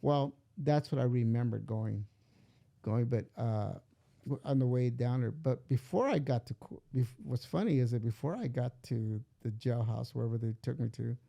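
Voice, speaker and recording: His voice is mid-range, creaky and dark-toned, moving at a moderate pace. He's an older man and father being interviewed informally, rambling on about his own past and playing out the quoted dialogue.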